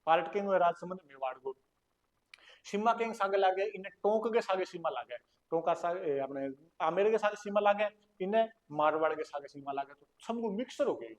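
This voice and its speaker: A man's voice: high voice, animated, fairly quick. A man with a Rajasthani accent teaching an online class, repeating key points and quizzing his students with questions he answers himself. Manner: folksy dialect asides and jokes. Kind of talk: online exam-prep lecture.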